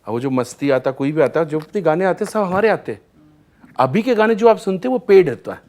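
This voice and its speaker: A male singer, a guest on a talk show, telling anecdotes in an animated way and often laughing as he goes. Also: fairly high pitch, brisk. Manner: lively storyteller, acts out scenes and laughs often.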